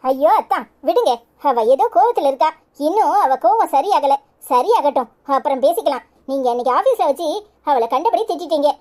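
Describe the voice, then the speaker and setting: A woman voicing a firm, sharp-tongued mother in a cartoon, with a Kanyakumari Tamil accent. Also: high-pitched, expressive, brisk. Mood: soothing. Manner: scolding, firm. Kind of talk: cartoon voice acting.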